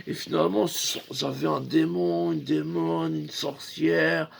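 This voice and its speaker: A man's voice: a little high, steady tone, measured pace, vocal fry. A man telling a comic story in a rambling, crude way, full of fillers and slang insults. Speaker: comedian.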